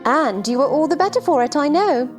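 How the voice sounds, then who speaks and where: A giddy, scatterbrained queen, pitched high and swooping all over. She is fussy and fluttery, helpless yet insistent, in theatrical storybook style. Faint music plays behind her. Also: expressive, a little fast. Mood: airy, matter-of-fact. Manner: fluttery, nonsensical insistence, crying out. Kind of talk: theatrical children's storybook drama.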